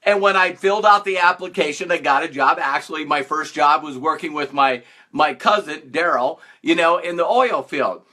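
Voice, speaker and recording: A man's voice: fairly high pitch, normal speed, few pauses, pushed and bright. Upbeat man hosting a live stream. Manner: upbeat, greets viewers by name, playful mock-sarcastic emphasis. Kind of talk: casual live-stream talk to viewers.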